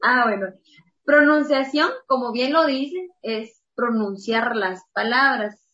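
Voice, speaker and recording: A woman's voice: on the high side, takes it slowly, sharp tone. A woman explaining ideas about communication patiently in casual talk. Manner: explanatory, laughs easily. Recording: roomy, dull lo-fi audio.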